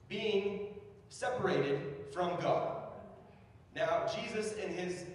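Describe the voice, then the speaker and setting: A young man giving a casual, slangy youth sermon, building to loud emphatic peaks. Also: high voice. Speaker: youth speaker. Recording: distant mic in a very echoey hall.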